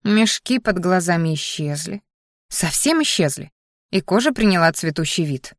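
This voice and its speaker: A woman narrating a first-person fantasy audiobook in a lively, wry storytelling manner. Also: lowish voice, moderate pace, dry recording. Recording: dry close audiobook recording.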